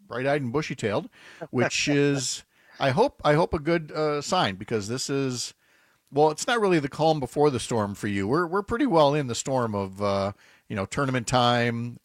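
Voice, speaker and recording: A man's voice: mid-range voice, dry recording, studio quality. A man hosting a morning radio talk show, chatting casually and jokingly with many fillers and restarts.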